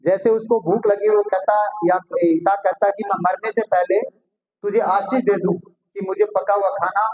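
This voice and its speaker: A man with a notably high voice preaches a sermon. He reads scripture passages aloud, then unpacks them for his listeners, repeatedly posing rhetorical questions and answering them himself. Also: steady tone, normal speed, a little mellow, rough recording.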